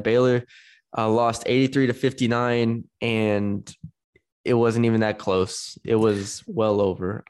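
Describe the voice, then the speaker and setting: A man's voice: on the low side, a little mellow, smooth. Guy hyping up a team on a sports podcast, casual and chatty, lots of likes and ums. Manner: enthusiastic, conversational, many fillers.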